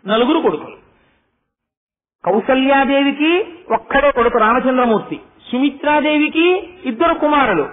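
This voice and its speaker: A middle-aged man giving a religious discourse, telling stories in an animated way and putting rhetorical questions to his listeners. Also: very high-pitched. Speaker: spiritual discourse speaker. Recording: tinny phone-like sound.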